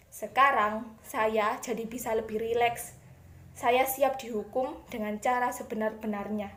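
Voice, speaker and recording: Woman acting a hammy, high-voiced smug corrupt official. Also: lightly acted. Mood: proud, confessing. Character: smug, self-righteous corrupt official proudly confessing. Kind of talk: theatrical stage monologue, satirical oratory. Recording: echoey room.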